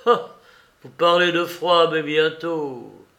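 A man's voice: fairly high pitch, steady tone, slow pace, sharp tone, full character voice. A man reading aloud, voicing a shivering young prisoner who snaps at his mother in despair. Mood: bitter desperate. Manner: irritated, desperate. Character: condemned young man, shivering, irritable and desperate.

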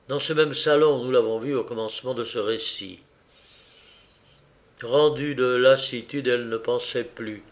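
A man narrating a classic novel in a measured, steady reading voice. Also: medium pitch. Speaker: audiobook narrator.

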